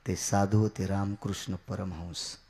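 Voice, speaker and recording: A man preaching a devotional kirtan sermon, swinging from shouted high outbursts to low quiet asides. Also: flat delivery, unhurried, a crowd in the background.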